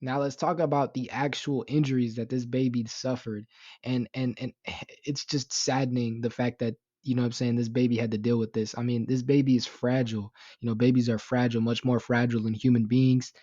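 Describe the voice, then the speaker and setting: A man's voice: mid-range voice, level tone, fairly quick, mellow, no room sound, muffled recording. A young man giving casual commentary on a news story, rambling with lots of fillers, swearing and sounding indignant. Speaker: YouTube commentator.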